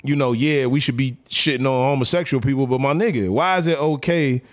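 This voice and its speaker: A man's voice: medium pitch, a little fast. A man co-hosting a podcast, talking loosely and profanely, with lots of fillers. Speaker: podcast co-host. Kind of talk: casual podcast chat.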